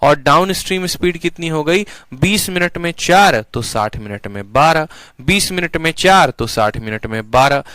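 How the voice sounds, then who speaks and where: A man's voice: on the high side, lively intonation, normal speed, sharp tone, clear, resonant tone, dry recording. A man teaching an exam-prep maths lesson online, explaining step by step and putting questions to his students before answering them himself.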